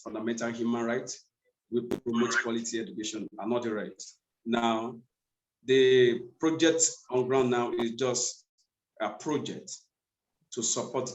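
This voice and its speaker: A man from Nigeria hosting an online event, speaking formally and haltingly with many fillers. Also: mid-range voice, reverberant, low-quality recording. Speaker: host.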